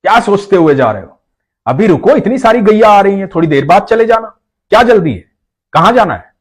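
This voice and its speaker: A man voicing a cheerful young village cowherd boy of about ten, calling out loudly and coaxing an old man to stop. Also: sits high, very animated, brisk, pitched above the performer's own voice. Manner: coaxing, insistent, raised voice.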